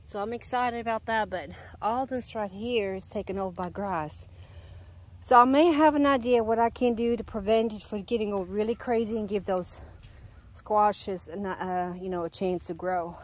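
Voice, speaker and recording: A gardening vlogger walks through her home garden outdoors, filming on a handheld camera as she goes. Her medium-pitched, darkish voice sounds stuffy and nasal from congestion, at a normal speed. She rambles, sighs, and keeps correcting herself in this casual walk-through.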